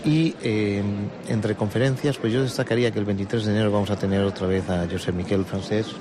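Here a club spokesman with a Spain Spanish accent responds during a live radio interview, his phrasing formal but broken by occasional hesitations. He talks briskly in a lowish voice with fairly even intonation. Traffic and street noise fill this noisy outdoor city recording.

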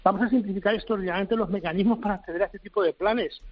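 A government official answering interview questions, a man who talks haltingly and searches for his words. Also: high-pitched, steady tone. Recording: dull lo-fi recording.

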